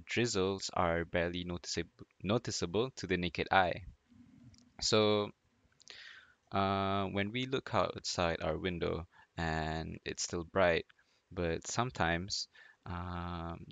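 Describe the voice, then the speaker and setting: Young man, from Malaysia, low voice, gravelly, hesitant student presenter, dry close headset sound. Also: a bit bright, no echo. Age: young adult. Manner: hesitant, apologetic, many fillers. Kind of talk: class project presentation. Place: home desk, indoors.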